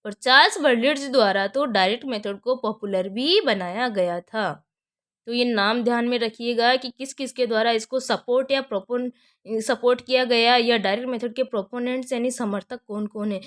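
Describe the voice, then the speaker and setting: A woman's voice: on the high side, moderate pace, a bit bright. A young woman with a Hindi accent giving an exam-prep lecture, posing questions to her students and answering them herself while repeating key terms. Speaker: teacher.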